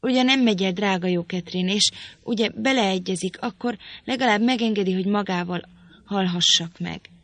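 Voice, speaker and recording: A woman's voice: medium pitch, a bit bright, no echo. A woman reading the part of a frail, frightened teenage boy who pleads, sobs and gasps for breath in an audiobook. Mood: desperate. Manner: sobbing, begging, breathless.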